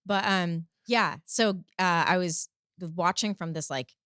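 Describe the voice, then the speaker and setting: A woman from Texas talks as a podcast guest in a relaxed, chatty way, laughing easily and drifting into side stories. Her voice sits a little low for a woman. The recording is dry and close, with no room sound. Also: takes it slowly, clear, resonant tone, no room sound. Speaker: podcast guest, singer-songwriter. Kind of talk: casual interview chat.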